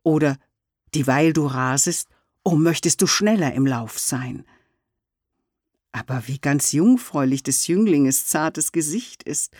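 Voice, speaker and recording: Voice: mid-range voice, lively intonation, a little slow, a little mellow, dry recording, clean studio sound. A reader voicing a proud, fierce young huntress in a solemn verse recital. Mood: torn, lamenting.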